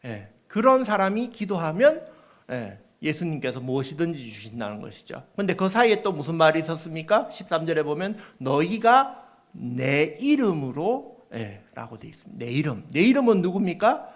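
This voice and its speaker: Lively, high-voiced male pastor preaching. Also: moderate pace. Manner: lively preaching, acts out quoted voices, explains step by step with rhetorical questions. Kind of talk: sermon.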